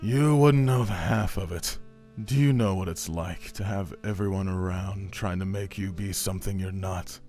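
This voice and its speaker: A man playing a jaded plumber turned detective who talks in a deadpan noir-style inner monologue. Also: sits low, normal speed, hardly any pauses, faint music behind, lightly acted. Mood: weary. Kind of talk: amateur comedy film dialogue.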